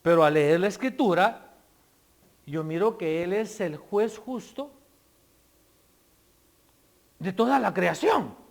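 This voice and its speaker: A man pastor preaching a sermon, explaining his word choices and swinging between loud emphatic phrases and soft asides. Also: high-pitched, lively intonation, slow, creaky, pauses often.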